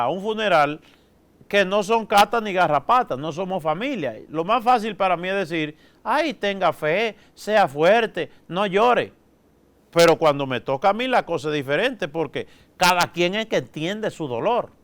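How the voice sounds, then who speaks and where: A priest with a Dominican accent preaches in a casual, down-to-earth way. His voice is high for a man and full of swings in pitch. The tone is clean and resonant, and he keeps turning to the listeners with short asides. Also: clear, resonant tone. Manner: lively, folksy, peppers speech with "¿verdad?" and "oiga". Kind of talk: colloquial preaching.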